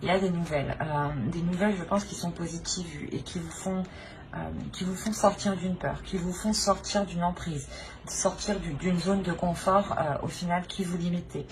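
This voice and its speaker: Noticeable background noise accompanies this tarot reader, who hosts her own channel and delivers an unscripted reading to viewers. Her lowish voice has fairly even intonation and moves at a moderate pace. She sounds hesitant, repeating phrases and often appending a "hein."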